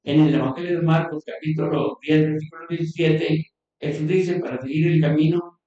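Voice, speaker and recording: A man's voice: a little high, steady tone, moderate pace, warm tone. A man preaching a sermon in a loose, conversational way, often restarting words. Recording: distant echoey church recording, dull sound.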